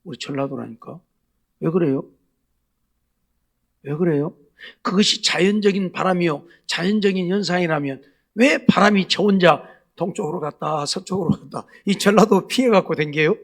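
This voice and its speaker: A man's voice: high voice, normal speed. A male pastor preaching a Sunday night sermon, asking the congregation rhetorical questions again and again. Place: church sanctuary.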